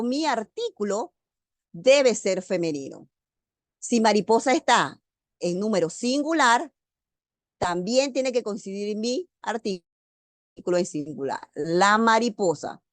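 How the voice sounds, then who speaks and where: Brief: woman teacher, steady mid voice, slow deliberate lecture, dry video-call sound. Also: medium pitch, dry recording. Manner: slow, deliberate, stresses key words. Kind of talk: online grammar lecture.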